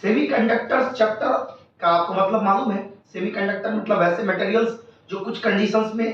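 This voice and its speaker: High-pitched man in a distant echoey room. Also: normal speed, a bit bright, muffled recording. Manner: emphatic, rattles off lists of topics. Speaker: physics teacher, guest. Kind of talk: exam tips in an interview.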